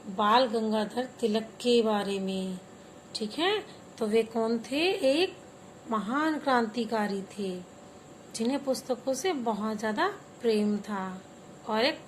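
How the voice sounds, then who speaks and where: A woman's voice: a little high, slight background noise, low-quality recording. A woman teaching a Hindi class to young children, patiently explaining word meanings and having them repeat words after her. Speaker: primary school teacher.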